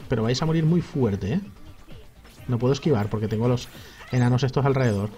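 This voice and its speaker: A man's voice: mid-range voice, fast talker, warm tone, soft background music. A man with a Spain accent giving casual let's play commentary, swearing in frustrated outbursts. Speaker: gaming youtuber.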